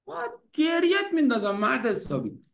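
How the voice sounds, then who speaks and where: An indignant wife scolds her husband with exasperated teasing, as a man puts her on. The voice rides noticeably higher than his usual speech and stays playful, with a mocking tone behind the complaints. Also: huge pitch swings, creaky, fairly bright tone, heavily acted. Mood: scolding.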